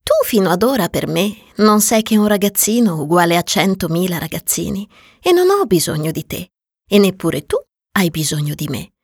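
Woman doing a wistful female fox, storybook, soft, patient, breathy, lively pitch. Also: normal speed, dry recording, clean studio sound, heavily acted. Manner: soft, patient, sometimes whispering. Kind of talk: storybook reading.

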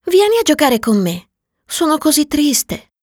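A woman's voice: sits high, big pitch swings, a little slow, no room sound, studio quality, voice pushed up. A woman voicing a curious, earnest little boy prince in a storybook reading, asking eager, wondering questions.

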